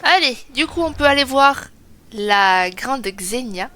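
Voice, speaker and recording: A woman's voice: a little high, lively intonation, slow pace, pushed and bright. A woman giving chatty, self-mocking let's play commentary, thinking aloud as she plays. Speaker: gaming streamer. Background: game music.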